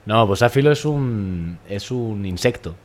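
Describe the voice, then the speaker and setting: A man co-hosting a comedy podcast, improvising absurd explanations in a relaxed, joking way. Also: fairly low pitch, measured pace. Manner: improvises absurd made-up definitions. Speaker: podcast co-host. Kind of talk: casual comedic chat.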